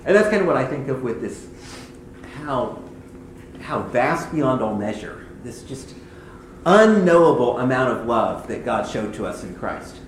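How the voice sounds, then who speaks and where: A man's voice: medium pitch, very animated. Man teaching in an echoey room. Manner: conversational, reads scripture slowly. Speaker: Bible teacher. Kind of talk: devotional teaching on hymn lyrics. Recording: echoey room, faint background noise.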